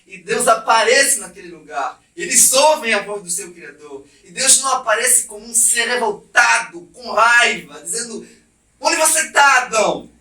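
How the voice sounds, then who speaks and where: A male pastor from Brazil preaching an impassioned sermon, swinging from quiet to loud. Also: sits high, lively intonation, normal speed, hardly any pauses, recorded from a distance. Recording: echoey church heard from off mic.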